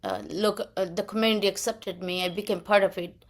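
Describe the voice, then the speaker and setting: A middle-aged woman from Bangladesh, answering interview questions in a reflective, halting way with frequent pauses and fillers. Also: medium pitch, steady tone. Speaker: political candidate, guest.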